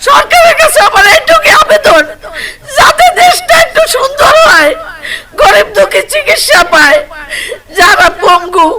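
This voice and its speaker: A middle-aged Bangladeshi woman cries out in grief in an extremely high, piercing voice. Her pitch swings widely as she wails and pleads, repeating her appeal through sobs. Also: animated, measured pace, sharp tone, raised voice, poor audio. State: crying out in grief, wailing. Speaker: bereaved mother giving testimony. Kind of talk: emotional public appeal.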